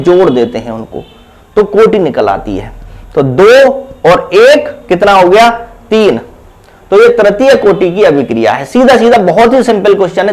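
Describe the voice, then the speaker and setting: A man teaches a chemistry exam lesson in a fairly high voice. He talks slowly and steadily, repeating terms and asking the class questions that he answers right away. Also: rough recording. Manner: slow, repetitive, asks rhetorical questions then answers them. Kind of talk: exam-prep lesson explaining at a board.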